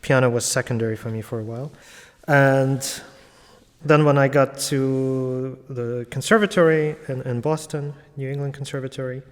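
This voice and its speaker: A man in his thirties, born in Latvia and raised in Ukraine, speaks in a mid-range voice with a long reverb tail. He's a classical pianist chatting casually as an interview guest, thoughtful and full of fillers and restarts.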